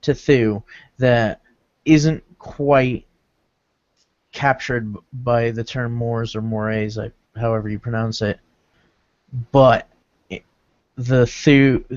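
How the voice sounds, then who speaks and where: Guy explaining stuff slow and careful, podcast, dry dull audio. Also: mid-range voice, darkish tone, no room sound. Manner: measured, explanatory, lecturing. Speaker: podcast co-host. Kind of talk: casual podcast discussion.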